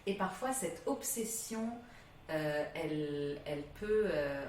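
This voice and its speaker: A woman from England who teaches English, talking in a relaxed podcast interview, emphatic and quick to repeat her key words. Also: sits low, recorded from a distance, slight background noise. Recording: roomy, from off the mic, faint ambience.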